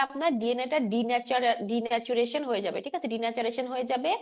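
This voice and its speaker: A woman giving an exam-prep biology lecture, drilling key points and often checking that students follow. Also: sits high. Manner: drills points with frequent checks, mixing English terms. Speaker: biology teacher.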